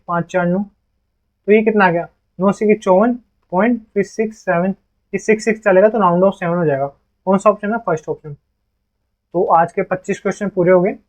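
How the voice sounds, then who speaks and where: Male maths tutor, higher voice, self-questioning step-by-step explainer, muffled lo-fi audio. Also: darkish tone. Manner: explains aloud, asks and answers his own questions, reads English questions slowly. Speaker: maths teacher. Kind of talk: solving exam questions step by step.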